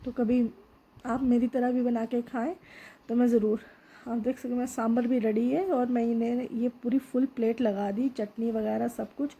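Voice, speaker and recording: Soft, slightly husky middle-aged woman. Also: on the high side, flat delivery. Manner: chatty, homely, with filler pauses. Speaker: home cooking channel host. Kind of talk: casual cooking vlog narration. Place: home kitchen.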